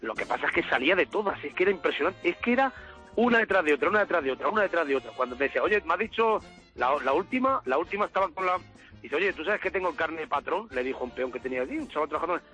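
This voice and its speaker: A man calling a radio show, telling an animated story and acting out the dialogue. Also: fairly high pitch, racing, soft background music. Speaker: caller. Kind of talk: telling an anecdote on a call-in show.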